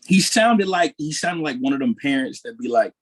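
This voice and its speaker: A man's voice: fairly high pitch, expressive, moderate pace. A young man co-hosting a podcast, talking earnestly with frequent restarts and checks for agreement. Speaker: podcast co-host. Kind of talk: casual podcast chat.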